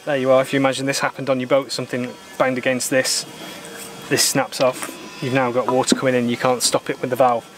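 This British sailor in his thirties keeps a level, even pitch while talking fairly quickly through a boat repair outdoors in a garden workshop. Calm and methodical, he's plain-spoken and sometimes bluntly, mildly opinionated. A faint hum sits in the background of the outdoor camera mic.

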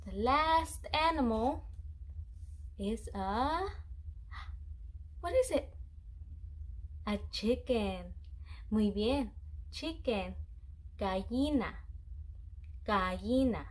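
High-voiced woman slowly teaching a toddler. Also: animated. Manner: talking to a toddler, encouraging, slow and simple. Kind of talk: children's language lesson. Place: small room indoors.

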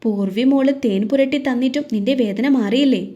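A woman's voice: fairly high pitch, brisk, dark tone, highs cut off, lightly acted. A woman voicing a playful, teasing middle-aged man who acts as a fond uncle in a told story.

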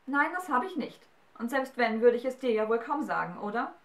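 Eine Frau spricht ein uraltes, schnippisches Hexenmädchen mit spitzer, sarkastischer Art. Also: female voice, fairly high pitch, lively intonation, normal speed, fairly bright tone, reverberant. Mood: trotzig. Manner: snappy, sarcastic. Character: defiant half-witch girl, centuries old, sharp-tongued.

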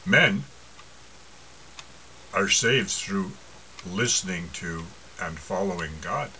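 A man's voice: low-pitched, animated, slow pace, sharp tone, slight background noise. A man preaching an informal sermon, mocking and asking rhetorical questions, often laughing to himself.

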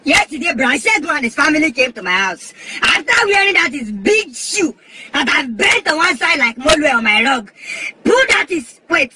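A young man with a Nigerian accent, ranting loudly and shouting in an exasperated comedy skit. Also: very high-pitched, sing-song, normal speed, a crowd in the background. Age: young adult.

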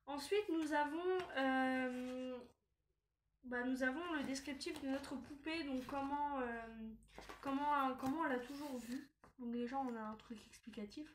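A woman chatting casually through a review of a collectible doll magazine, hesitant with many fillers and restarts. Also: sits high. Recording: echoey room, faint noise.

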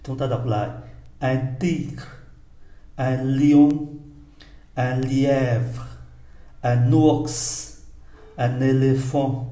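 A man leads a vocabulary drill, saying each word several times and spelling out its sounds. He speaks at a very slow, deliberate pace in a dark, mellow tone. The recording sounds roomy, with a clear echo. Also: medium pitch, fairly even intonation. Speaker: French teacher. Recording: echoey room.

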